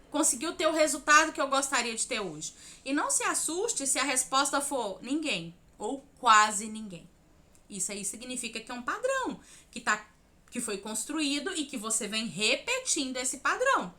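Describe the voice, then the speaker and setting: Brazilian woman, high bright tone, expressive therapeutic talk, direct to listeners. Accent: Brazilian Portuguese. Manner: expressive, addresses listeners directly, drops to soft hushed asides. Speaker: therapeutic speaker. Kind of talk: motivational self-help talk.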